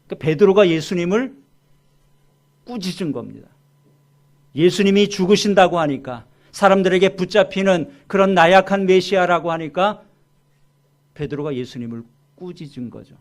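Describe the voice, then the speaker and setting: Male pastor, sermon in a church, slightly high voice, loud emphatic lines and low quiet asides, slow stressed words, asks the congregation questions. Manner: slows right down to stress key words. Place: church sanctuary.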